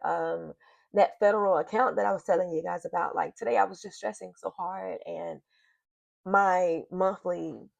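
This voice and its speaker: A woman's voice: lowish voice, vocal fry, no echo. A middle-aged woman, talking to her viewers in a casual confessional vlog from her home office, emotional and sighing as she speaks. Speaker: vlogger. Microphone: computer mic.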